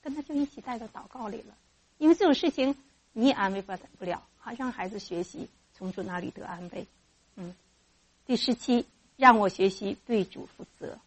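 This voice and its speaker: A church lesson for mothers on bringing up children in faith comes from a woman with a fairly high, breathy-edged voice at normal speed. She keeps it lively, voicing parents and children along the way.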